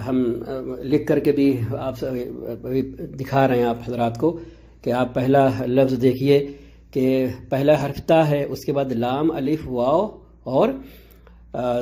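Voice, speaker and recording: A man teaching Arabic pronunciation in a slow, measured lesson, pausing often and repeating key letters. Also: mid-range voice, dark tone. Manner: slow and measured, with frequent drawn-out pauses and repetition; clears his throat now and then. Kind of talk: explanatory lesson.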